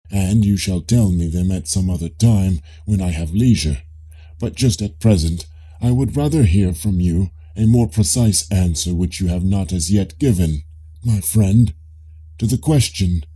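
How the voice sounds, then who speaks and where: On a rough recording, a man with a low-pitched, husky, dark voice portrays a Greek philosopher in an audiobook dialogue. His questioning is measured, probing, and politely ironic.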